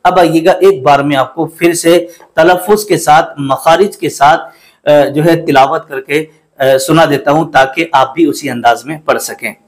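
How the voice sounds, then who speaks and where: Male recitation teacher, slightly high voice, unhurried pace, chants verses melodically between corrections. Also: rough recording. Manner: slow and deliberate, repeats words to correct pronunciation. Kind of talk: explaining and demonstrating recitation.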